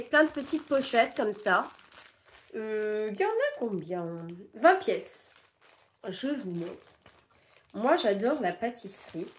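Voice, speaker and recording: Chatty French woman, a little high-pitched, sick and stuffy, casual haul talk at home. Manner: chatty, rambling, many fillers. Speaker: vlogger showing a shopping haul. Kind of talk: casual haul chat to camera.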